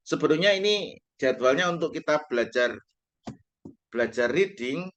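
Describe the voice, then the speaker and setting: Male English teacher, online lecture, steady mid voice, emphatic quotes. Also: mid-range voice. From Indonesia. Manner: explains slowly, quotes English phrases with emphasis.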